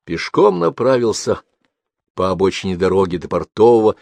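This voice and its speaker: A man narrating a literary story aloud in an expressive reading voice. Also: low voice, normal speed, gravelly, dry recording. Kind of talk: audiobook narration.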